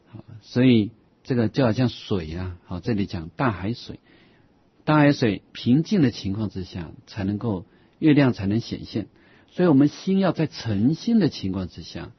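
A man with a deeply husky, breathy voice explaining Buddhist teaching. His pitch moves in a lively way as he repeats key phrases slowly. The recording is dull and lo-fi, with a dry sound. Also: no echo. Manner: repeats key phrases slowly, frequent soft 'hao' asides.

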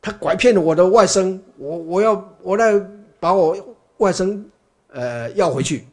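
A man voicing a proud, indignant male Brahmin scholar who shouts his demands, with a husky voice. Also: fairly high pitch, sing-song, moderate pace.

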